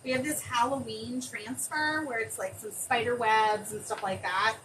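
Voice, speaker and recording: A woman demonstrating a craft on a live stream, chatting excitably and thinking aloud as she works. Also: a little high, moderate pace. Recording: distant mic with clear background noise.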